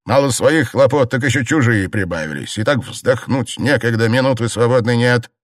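A hot-tempered young nobleman who snaps and sneers, as a male reader plays him. His voice is raised, loud and grumbling. The sound is dry and close. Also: medium pitch, lively intonation, moderate pace, no room sound, voice pushed up, close to an everyday voice. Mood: shouting. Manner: shouting, grumbling, sarcastic. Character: testy young nobleman, irritable husband.

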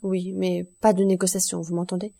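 A woman voicing a grave, fatalistic nobleman count who speaks calmly and with resignation, in an audiobook. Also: on the low side, gravelly. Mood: resigned. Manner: calm, measured, resigned.

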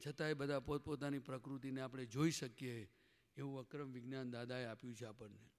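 A man's voice: medium pitch, fairly even intonation, fairly quick. A man giving a spiritual sermon to a gathering, often asking the audience questions and pressing them to answer. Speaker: spiritual teacher. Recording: long hall reverb.

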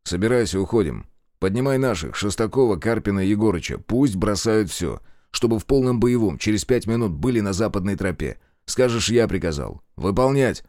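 A man's voice: lowish voice, lively intonation, a little fast, darkish tone, dry recording, natural voice. A man voicing a weary male officer with a dry, understated, wry way of talking. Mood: ordering.

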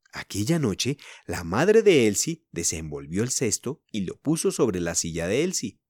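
A man reads a children's story, speaking to young listeners. His pitch rises and falls expressively. The recording is dry and close. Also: a little mellow, no room sound.

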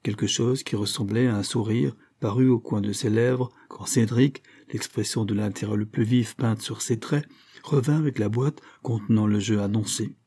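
A man narrating a classic children's novel as an audiobook, in a measured storytelling voice. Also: lowish voice, fairly even intonation, dark tone, breathy edge.

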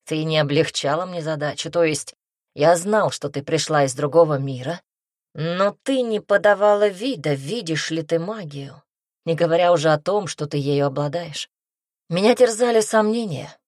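A woman's voice: low voice, normal speed, dry recording, studio quality, close to an everyday voice. A woman voicing a commanding young prince. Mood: earnest. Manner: steady, urging, commanding. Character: male prince, calm, commanding mentor.

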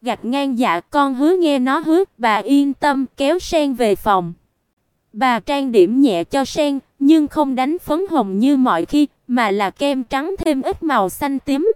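A woman narrates a storybook in an even storytelling way. Her voice is high and very smooth. The recording is close and dry. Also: slow pace, no echo. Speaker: audiobook narrator.

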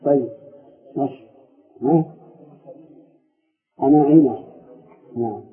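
A man's voice: medium pitch, slow. A man teaching a classroom lesson on grammar, explaining verses and questioning his students as he goes. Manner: questions students and corrects them. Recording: tinny phone-like audio.

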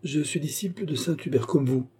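A man gives voice to a young Irish baronet in a storybook. Courteous and modest on the surface, he pursues his aim with cold persistence. The tone is dark and mellow, a little husky. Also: a little high, fairly quick, pitched above the performer's own voice. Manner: polite, modest and coolly persistent. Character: young male Irish baronet, smooth schemer.

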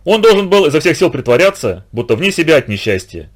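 A man reading a story aloud in a steady, expressive audiobook narration. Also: a little high, quick pace.

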